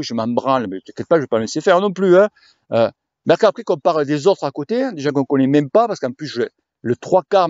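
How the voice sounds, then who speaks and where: A man's voice: a little high, darkish tone, no room sound, highs cut off. A man, ranting casually to his viewers as a cycling vlogger, crude and slangy, rambling from one point to the next.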